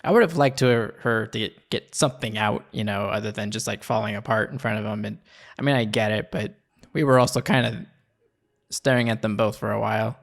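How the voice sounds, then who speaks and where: A man's voice: lowish voice, fairly even intonation, fairly quick, vocal fry. A man giving casual, informal and sweary reaction commentary while watching an anime film. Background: faint music from the film.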